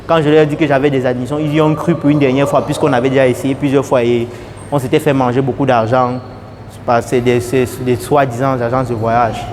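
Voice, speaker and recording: A young man giving an earnest, casual testimonial at an airport, repeating his phrases and getting animated. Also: medium pitch, fairly quick, slight background noise. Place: airport, indoors.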